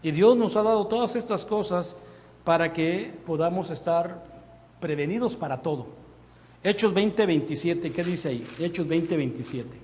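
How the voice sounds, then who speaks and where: A male preacher with a fairly high voice, telling stories and firing off rhetorical questions. His sermon rings with the long reverb of a church hall. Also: normal speed. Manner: lively storytelling, acting out quotes, rhetorical questions.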